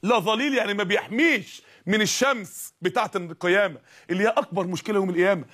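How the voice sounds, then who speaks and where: A man with an Egyptian Arabic accent preaching a fiery sermon, firing rhetorical questions and rising to shouts. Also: high voice, rapid-fire, husky.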